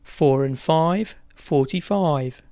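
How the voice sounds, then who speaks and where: A bingo caller announcing numbers in measured, formulaic set phrases. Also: medium pitch, dark tone, no room sound, studio quality.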